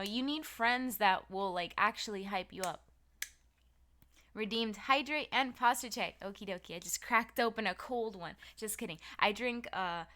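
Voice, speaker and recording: A woman's voice: mid-range voice, bright, forceful tone. A woman streamer chatting casually and earnestly with her chat, full of filler words. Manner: talks straight to chat, filler-heavy, earnest.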